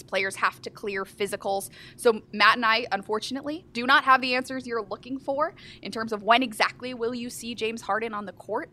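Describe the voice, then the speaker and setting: A woman's voice: medium pitch, bright, forceful tone, a little hiss or hum. A woman from Houston hosting a live basketball talk show, speaking with enthusiastic emphasis. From Houston, Texas. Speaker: sports show host.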